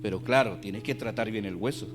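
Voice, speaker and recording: A man with an Argentine Spanish accent, preaching a sermon as pastor and swinging from quiet asides to emphatic bursts. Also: on the low side, fairly quick, over music. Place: church.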